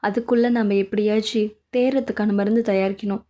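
Woman doing a low, firm male master healer; authoritative, unhurried. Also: fairly even intonation, warm tone, close to an everyday voice. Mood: calm instructive.

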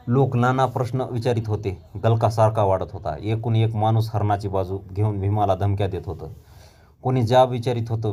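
A man narrating a short story aloud in a measured, expressive reading voice. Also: lowish voice.

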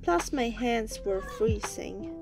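Higher-voiced woman narrating over music. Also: animated, slow pace, vocal fry. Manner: plain, informal, unpolished. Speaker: vlogger. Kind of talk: casual vlog voice-over.

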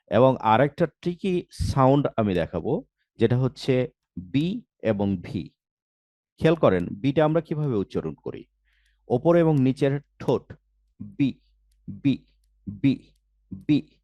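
A man's voice: mid-range voice, dark tone, no echo. A man with a Bangladeshi Bengali accent teaching English letter sounds, repeating each sound several times. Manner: slow, drills sounds by repeating them. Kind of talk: pronunciation lesson.

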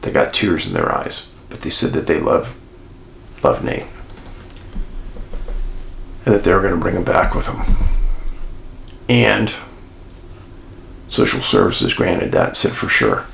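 A man hosting and telling a true-crime mystery story in an animated way, speaking straight to his listeners. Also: sits low, measured pace, creaky, pauses often, roomy sound, a little hiss or hum. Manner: animated, addresses listeners as folks. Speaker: host and storyteller.

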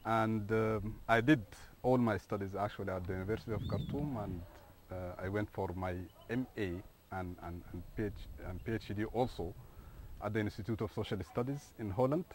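A man's voice: lowish voice, normal speed, a little hiss or hum. A middle-aged man from Sudan, an assistant professor, answering interview questions in a hesitant way with many fillers and restarts.

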